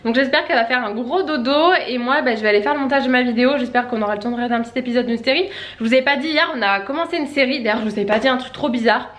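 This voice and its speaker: A woman's voice: fairly high pitch, rapid-fire, fairly bright tone. A young woman chatting casually to camera at home in a family vlog, rambling and breezy with lots of fillers. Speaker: family vlogger. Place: at home, indoors.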